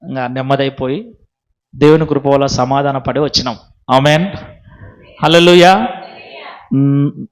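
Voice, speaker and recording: Forceful high-voiced Telugu pastor preaching. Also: male voice. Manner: forceful preaching with sharp rhetorical questions. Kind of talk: sermon.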